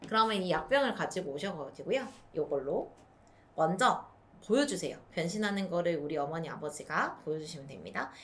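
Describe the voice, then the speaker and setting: A young woman teaching parents play activities for small children, switching into a bright sing-song voice when acting out what to say to a child. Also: lowish voice, expressive, fairly quick. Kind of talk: instructional video for parents.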